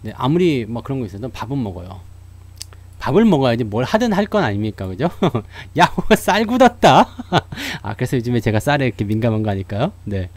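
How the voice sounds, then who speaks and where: A man's voice: medium pitch, sing-song, a little fast, darkish tone, no room sound. A man giving casual stock market commentary to his viewers, telling stories in a chatty way and laughing often.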